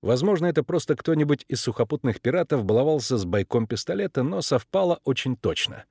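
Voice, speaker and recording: Animated male audiobook narrator. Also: medium pitch, fast talker, vocal fry, slightly rough, no room sound, clean studio sound. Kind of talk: scripted narration.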